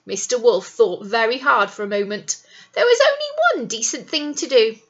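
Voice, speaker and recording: A middle-aged woman teacher reads a picture book with lively expression to young children in a small indoor classroom, coaxing them along with questions. Her voice is slightly high and sing-song, fairly bright, at a normal pace. The audio sounds dull.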